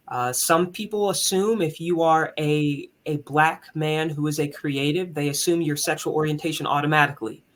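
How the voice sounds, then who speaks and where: A man with a higher tenor voice speaks as a musician and conductor in a conversational interview, earnest, candid, and reflective.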